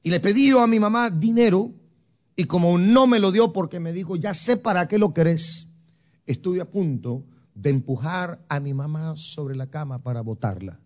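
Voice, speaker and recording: An older man from Guatemala with a Guatemalan accent, giving an emotional sermon testimony with dramatic storytelling that swings from loud to soft. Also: fairly high pitch, lively intonation, moderate pace. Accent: Guatemalan Spanish. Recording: dull lo-fi recording.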